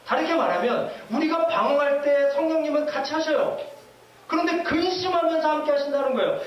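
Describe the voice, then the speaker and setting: A man with a strikingly high voice preaches a lively sermon, often turning to his congregation with questions. His voice rings around a church sanctuary and is caught from far off, with faint hiss underneath. The sound is hollow and roomy. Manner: lively, asks the congregation questions and leads readings. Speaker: pastor.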